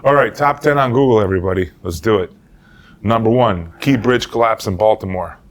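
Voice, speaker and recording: A man's voice: fairly low pitch, brisk. A man from Slovakia co-hosting a podcast, chatting casually and teasing with jokes. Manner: joking, teasing banter. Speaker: podcast co-host. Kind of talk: casual chat.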